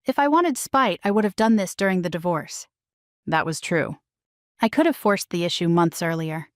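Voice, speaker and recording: A middle-aged woman narrating a first-person story in a calm, measured way. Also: on the low side, no echo, clean studio sound. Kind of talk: scripted narration.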